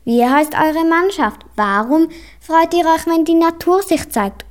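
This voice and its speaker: A woman voicing a spirited young princess who has been kidnapped, speaking a little higher. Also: unhurried. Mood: defiant.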